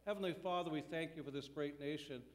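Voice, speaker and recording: A man leading a church service in solemn, measured liturgical prayer, his voice ringing with cathedral-like echo. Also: fairly high pitch. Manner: measured, solemn, phrase-by-phrase delivery. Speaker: pastor leading worship. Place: church sanctuary during a service. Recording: long church reverb, voice from a distance.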